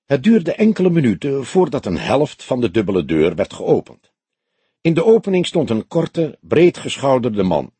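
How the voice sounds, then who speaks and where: A man narrates a detective story in a measured way, his voice slightly husky. His pitch moves lively through the sentences, and the recording is dry and close. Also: no room sound. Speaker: audiobook reader. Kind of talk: scripted narration of a detective novel.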